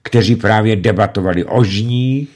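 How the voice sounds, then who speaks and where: A man narrating a humorous story in a lively reading voice. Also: on the low side.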